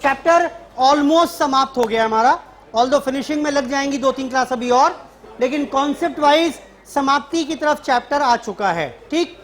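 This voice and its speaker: High-voiced joking math teacher. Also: male voice, moderate pace, a bit bright. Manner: casual, joking teacher who calls students beta. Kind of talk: classroom math lecture. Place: classroom.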